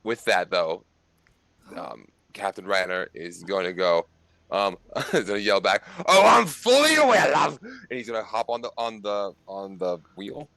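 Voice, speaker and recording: Low-voiced man running a tabletop game. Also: steady tone, fairly bright tone, no echo. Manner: casual, halting with many fillers. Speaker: game master.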